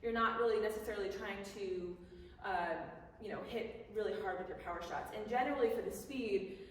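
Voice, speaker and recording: A woman's voice: medium pitch, a little fast. Woman coaching in a very echoey hall. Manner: casual, conversational explaining. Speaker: boxing coach. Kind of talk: instructional talk on bag drills. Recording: echoey hall, distant mic, faint noise.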